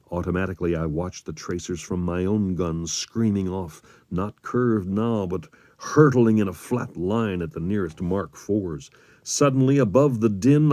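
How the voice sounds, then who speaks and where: A man reading a wartime memoir aloud as an audiobook, with measured, dramatic storytelling. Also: deep voice, darkish tone, no room sound, clean studio sound. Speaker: audiobook reader.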